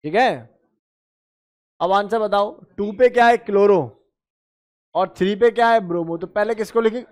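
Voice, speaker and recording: High-voiced man teaching chemistry. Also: clear, resonant tone. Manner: addresses students as beta and bhai, asks and answers his own questions; counts positions aloud in a brisk, drilling rhythm. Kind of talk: exam-prep lecture.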